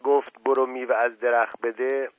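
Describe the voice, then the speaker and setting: A man's voice: mid-range voice, flat delivery, no room sound, narrow, tinny audio, voice pushed up, natural voice. A man reading the lines of a whiny little girl who refuses her dinner, in a radio story reading. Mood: stubborn. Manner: whiny, insistent.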